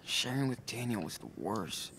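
A man playing a weary, protective teenage big brother in a video game, muttering casually in slang with a gravelly voice. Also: fairly low pitch, big pitch swings, normal speed, bright, forceful tone, slight background noise, heavily acted. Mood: weary, reflective. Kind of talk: naturalistic video game acting.

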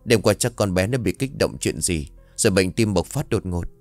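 A man voicing a calm village police chief delivering results in a measured, official tone. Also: sits low, no echo, soft background music. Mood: matter-of-fact.

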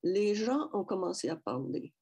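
Over a headset mic on a video call from a small room at home, an older woman gives a personal talk as a guest speaker at a public event. She is from Saskatchewan and has a Métis French accent from western Canada, with a warm, slightly rough, medium-pitched voice that is very animated. Her delivery is slow and reflective, with restarts and repetition.

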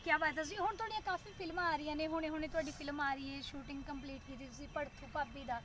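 A woman's voice: high-pitched, fairly even intonation, very fast. A woman, hosting an interview outdoors. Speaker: interviewer and host. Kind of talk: on-location interview. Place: outdoors in a leafy park. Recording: noisy outdoor recording.

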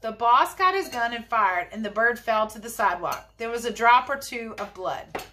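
A woman's voice: fairly high pitch, animated, moderate pace, pushed and bright, a little hiss or hum. A woman voicing an eager, chatty male salesman telling what he saw, in a storybook reading.

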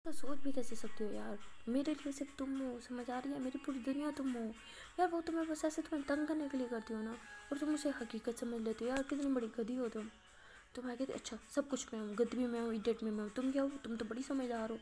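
Brief: woman voicing a proud, sarcastic young student, mellow tone, sulky delivery. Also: high voice, fairly even intonation, fast, soft background music, close to an everyday voice. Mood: huffy. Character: proud young female college student, huffy.

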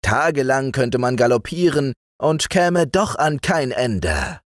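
A man reading aloud voices a smooth-talking male sorcerer who flatters and tempts. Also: medium pitch, slow, no echo, studio quality, pitched above the performer's own voice. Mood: coaxing. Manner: persuasive, bowing and flattering.

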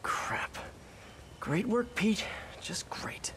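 A man's voice: high voice, lively intonation, drawn-out words, in a whisper, heavily acted. An actor voicing a quippy, self-deprecating young male superhero in a video game. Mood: regretful. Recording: game music behind the voice.

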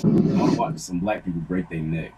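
A man's voice: deep voice, fairly even intonation, quick pace, noisy background. A young man making casual, teasing, profane reaction commentary with a friend and giggling through his words. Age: young adult. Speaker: reaction video host.

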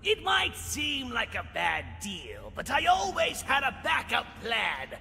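An actor playing a vengeful undead skeleton boss in a video game, gloating with slow, theatrical villain menace. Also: male voice, extremely high pitch, huge pitch swings, vocal fry, sharp tone, heavily acted. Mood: smug menace. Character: vengeful undead skeleton crime boss, evil twin brother. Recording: long cavernous reverb, game music underneath.

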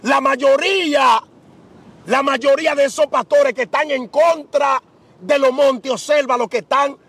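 A man's voice: extremely high pitch, unhurried, a bit bright, no echo. A middle-aged man preaching outdoors on a beach, asking rhetorical questions with emphasis. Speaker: preacher being interviewed. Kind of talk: preaching conversation.

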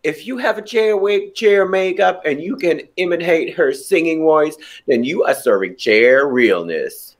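The speaker is a man with a German accent, a drag queen guest on a lighthearted video call, swapping campy insults amid laughter in a sassy way. His fairly high voice is expressive, and he keeps a measured pace with few pauses.

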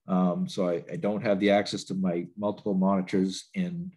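His voice sits low and mellow, breathy at the edges, with little pitch movement and a normal speed. He's presenting a training webinar by laptop video call from a home office, stuffy with a cold and talking in loose sentences full of fillers and restarts.

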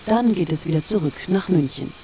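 Low-voiced female narrator over aircraft noise. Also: animated, fairly quick. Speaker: documentary narrator. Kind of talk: scripted narration. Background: aircraft and airport ambience.

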